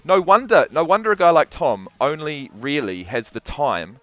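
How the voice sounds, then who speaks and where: A man's voice: mid-range voice, big pitch swings, normal speed, a bit bright, no echo, muffled recording, soft background music. A man with a New Zealand accent casually commentating a football livestream and reading out chat, rambling and restarting often.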